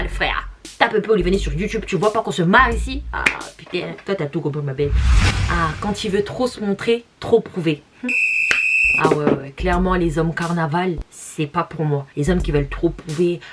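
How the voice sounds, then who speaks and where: A young woman from Congo, whose first language is Lari, reacting bluntly to comments in a slangy, mocking casual vlog. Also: fairly low pitch.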